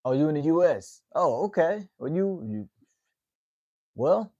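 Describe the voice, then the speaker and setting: An American livestream host in his twenties chats casually and laid-back with viewers, ending phrases with "man." His voice is a little high and darkish, very animated yet unhurried, and the recording is dry and dull.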